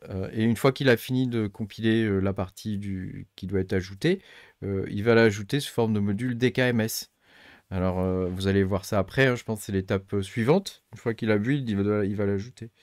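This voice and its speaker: Tech channel host, middle-aged man, low voice, dry close recording, rambling think-aloud delivery full of fillers. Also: fairly quick, a little mellow, no room sound. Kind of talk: casual screen-recorded tutorial.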